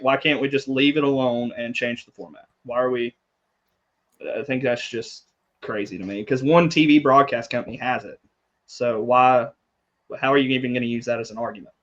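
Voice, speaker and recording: Guy cohosting a podcast, casual chat, kinda hedgy thinking out loud, slightly muffled mic. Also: medium pitch. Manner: hedging, thinks aloud. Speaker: podcast co-host.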